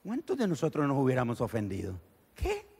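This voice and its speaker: A man with a Nicaraguan accent preaching a sermon, telling the story with animated, dramatic delivery. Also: fairly high pitch, normal speed, in a large hall. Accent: Nicaraguan Spanish.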